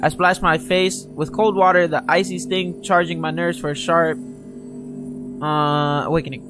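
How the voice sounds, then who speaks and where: A woman's voice: on the low side, steady tone, normal speed. A woman narrating a visual novel aloud in a subdued way, stumbling over words and dropping casual asides, with music behind her. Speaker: reader of a visual novel playthrough.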